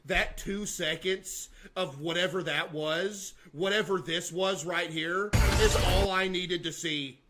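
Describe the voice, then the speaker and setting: A man's voice: a little high, pushed and bright. A man streaming casual live reaction commentary, exclamatory and incredulous in manner.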